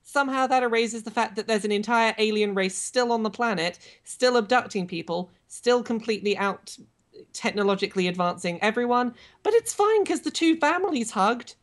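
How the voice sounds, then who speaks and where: Lively, wry woman chatting. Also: fairly high pitch, a little fast. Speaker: podcast guest. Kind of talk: casual chat.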